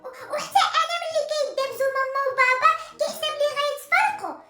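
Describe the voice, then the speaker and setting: A woman's voice: very high-pitched, steady tone. Ahmed, woman doing a cheeky cartoon boy. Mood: scheming. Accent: Moroccan. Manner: quick, cheeky, playful. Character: young mischievous boy, scheming. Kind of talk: cartoon voice acting. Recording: roomy sound with loud music.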